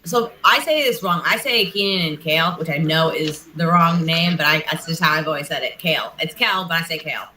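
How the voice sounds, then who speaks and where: A woman co-hosting an online trivia game, chatting in an excitable, talkative way. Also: deep voice, reverberant, a little hiss or hum, low-quality recording. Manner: chatty, excitable, quick to laugh. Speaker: trivia co-host. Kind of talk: casual chat.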